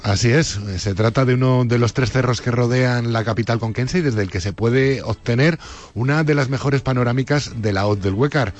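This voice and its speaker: A man reporting news for regional radio in a plain, steady way. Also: mid-range voice, moderate pace. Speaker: radio correspondent.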